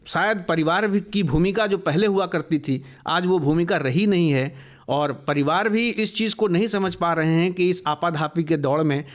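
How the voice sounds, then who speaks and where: A man's voice: fairly high pitch, normal speed. A man being interviewed in a radio studio, speaking earnestly about education and listing ideas at length. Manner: earnest, explanatory, builds long lists of values.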